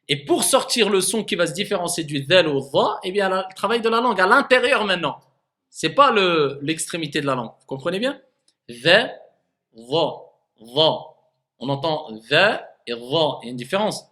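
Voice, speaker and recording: A man's voice: high voice, animated, brisk, sharp tone. A man teaching a classroom lesson on recitation, demonstrating letter sounds again and again and questioning his students.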